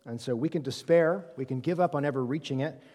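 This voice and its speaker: A man teaching a Bible study class in a relaxed lecture style, often checking in with his listeners and pausing on "um" as he thinks. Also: on the high side. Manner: conversational, checks in with "right?" and "okay?"; frequent "um" fillers and self-corrections. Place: reverberant room with a live group. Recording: long room reverb.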